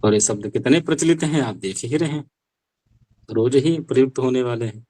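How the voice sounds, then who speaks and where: A man's voice: mid-range voice, normal speed, dark tone, dry recording. A male Sanskrit teacher giving an online language class, explaining step by step and asking rhetorical questions.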